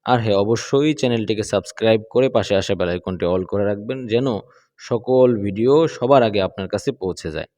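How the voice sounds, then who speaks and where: A man leads a recitation lesson, drawing out each verse in a slow chant before explaining pronunciation patiently. His voice is smooth and resonant. A long reverb rings behind him, as in a large hall. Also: lowish voice, warm tone. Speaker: Quran recitation teacher.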